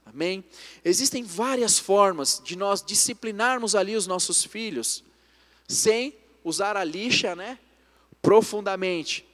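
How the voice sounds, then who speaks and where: Brazilian pastor guy telling stories in church, kinda high voice, long echo. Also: unhurried, fairly bright tone. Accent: Brazilian Portuguese. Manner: storytelling, addresses congregation as brothers. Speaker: preacher. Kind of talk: sermon.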